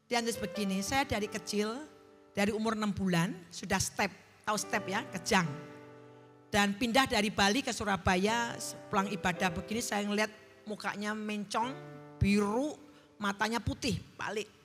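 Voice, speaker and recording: Bright-voiced woman preaching in a reverberant church. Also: mid-range voice, steady tone, normal speed. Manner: earnest storytelling, leads the congregation in call-and-response. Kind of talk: sermon with personal testimony. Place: large church hall. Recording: church hall reverb, faint music.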